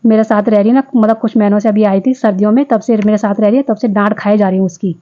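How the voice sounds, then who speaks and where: A woman in her fifties talks viewers through her day in a chatty, homely voice-over. Her voice is mellow and relaxed. The recording is dull and lo-fi. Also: mid-range voice, quick pace. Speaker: vlogger. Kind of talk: casual vlog voice-over narration.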